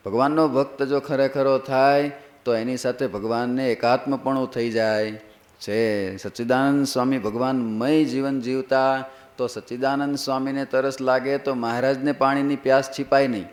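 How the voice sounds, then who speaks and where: A man's voice: mid-range voice, normal speed. A man who is a monk preacher, telling a sacred story as a sermon. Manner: lively storytelling, acts out characters.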